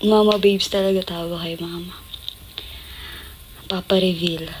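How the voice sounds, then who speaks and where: A woman's voice: lowish voice, fairly even intonation, measured pace, a little hiss or hum. A young woman telling stories on a casual livestream, laughing often and acting out quoted lines in a raised voice. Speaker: idol group member on a livestream.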